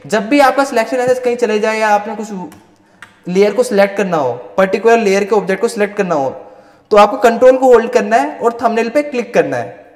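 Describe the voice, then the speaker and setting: A man leads an online lesson in a high, lifted voice. He mixes Hindi and English and keeps asking "right?" as he goes. The room is echoey, with a long tail of reverb. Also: animated, brisk, darkish tone. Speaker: Photoshop instructor. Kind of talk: live online class teaching.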